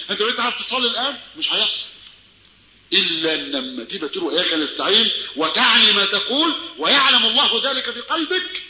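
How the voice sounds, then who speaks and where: Animated Egyptian preacher, fast and high. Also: male voice. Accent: Egyptian Arabic. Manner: animated, rhetorical questions to listeners. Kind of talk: religious lesson. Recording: dull, roomy recording with faint noise.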